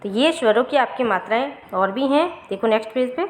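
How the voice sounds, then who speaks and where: A woman teacher with a slightly high voice leads a recorded lesson for young children. She poses a question, answers it herself, and says each example word slowly twice. Her voice sits close to the microphone. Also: animated. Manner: asks questions and answers them herself, repeats words slowly. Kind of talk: recorded Hindi grammar lesson for fourth graders.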